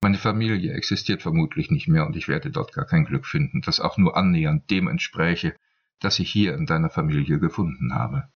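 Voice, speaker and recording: A devoted, aging servant woman pleads from the heart, as a man reads her lines in a slightly raised but still low, husky voice. The recording sounds dull and lo-fi. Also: fairly quick, full character voice. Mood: pleading. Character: aging female household slave, tearful and devoted.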